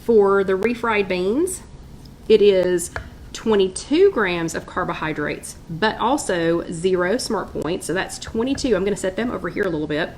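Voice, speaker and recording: Animated and speaking at a moderate pace, a middle-aged woman with a mid-range, darkish voice hosts a casual weight-loss live stream from her kitchen. She chats upbeat and reads viewer names and votes aloud, over a rough recording with slight background noise.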